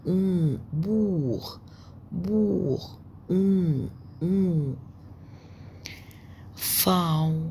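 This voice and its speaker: Egyptian lady teacher, low mellow voice, says each sound over and over, bit of noise behind. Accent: Egyptian Arabic. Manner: slow repetitive letter drilling. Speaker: German teacher. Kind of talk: spoken language lesson.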